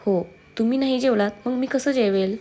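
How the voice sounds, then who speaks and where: A woman's voice: on the high side, fairly quick, mellow, close to an everyday voice. A woman voicing a pleading, pouty young wife with a childlike manner. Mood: hurt.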